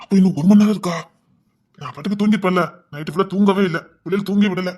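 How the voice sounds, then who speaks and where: Woman doing a gruff man, Tirunelveli accent, very low, rapid, husky, clipped and scolding. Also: close to an everyday voice. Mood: grumbling. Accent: Tirunelveli Tamil. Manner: stern, clipped, hushing.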